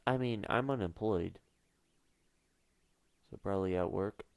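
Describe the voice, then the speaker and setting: Reading questions aloud in a casual livestream chat, this teenage boy mumbles and trails off with fillers. His lowish voice is creaky and unhurried, and the recording is dry.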